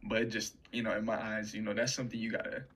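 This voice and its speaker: Flat-voiced man, hedging sports talk. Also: fairly low pitch, fast talker. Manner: hedging, many "you know" fillers. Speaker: podcast co-host. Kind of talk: casual sports chat. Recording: faint background noise.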